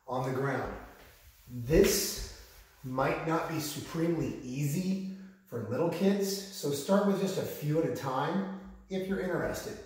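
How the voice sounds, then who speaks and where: A man coaching viewers through simple exercises in a relaxed, encouraging way, often checking in with "okay?" while he moves around demonstrating them. He is recorded in a big empty room with bare floors and no furniture, so his voice echoes heavily. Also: a little high, measured pace. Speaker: fitness coach. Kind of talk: casual instructional talk. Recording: heavy room echo, voice far from mic.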